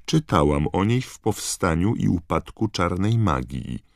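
A man's voice: deep voice, animated, a little slow, creaky, no room sound, clean studio sound, voice pushed up, exaggerated voice. A man voicing a clever, indignant teenage girl who lectures and insists, in an audiobook. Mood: lecturing.

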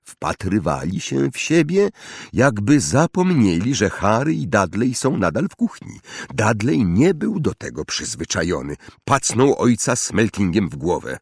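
A man reading a novel aloud as an expressive audiobook narrator, with a dramatic, animated delivery. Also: on the low side, unhurried, vocal fry, breathy edge, no room sound, clean studio sound.

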